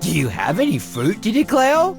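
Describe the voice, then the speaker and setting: A cheerful, clueless cartoon game guard. The voice swoops about a great deal, with music clearly behind it. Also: male voice, high-pitched, wildly swooping pitch, moderate pace, heavily acted. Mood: earnest, oblivious. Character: cheerful dim-witted cartoon border guard.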